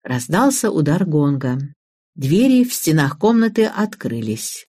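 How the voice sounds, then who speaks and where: A woman narrating a first-person audiobook with lively storytelling. Her voice sits low and sounds husky, and her intonation rises and falls a lot. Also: unhurried, dry recording, studio quality.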